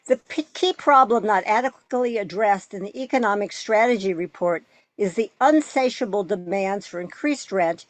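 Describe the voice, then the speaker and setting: A woman's voice: medium pitch, no room sound. A woman delivering a prepared public comment speech to a council as a resident, earnestly making an appeal.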